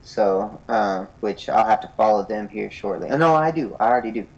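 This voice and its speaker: A man's voice: lowish voice, expressive, a little fast, a little mellow, muffled recording. Rambling laid-back man in his thirties. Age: 30s. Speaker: podcast co-host. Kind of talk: casual chat.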